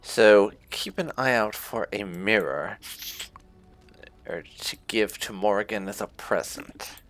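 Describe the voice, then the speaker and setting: Over soft background music, a woman with a bass voice comments slowly on a roleplay game. As a gaming video host and player, she sounds musing and hesitant, humming thoughtfully while reading the dialogue choices aloud.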